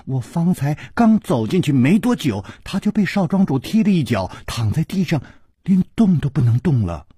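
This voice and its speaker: A storyteller voicing a cheeky young male servant who teases and speaks in sly, low asides. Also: big pitch swings, moderate pace, breathy edge, no echo, studio quality, heavily acted. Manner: teasing, sly, soft asides.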